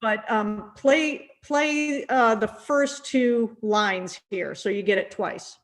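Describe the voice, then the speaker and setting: A middle-aged woman teaching a percussion masterclass, gently encouraging and often repeating words as she thinks aloud. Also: a little high, takes it slowly.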